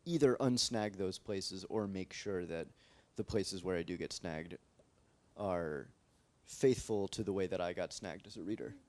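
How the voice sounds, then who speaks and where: At a library event before a live audience, an American man with a deep, low voice discusses his translation work on a casual panel. He speaks at a measured pace, relaxed and rambling, padding his sentences with plenty of "like" and "um."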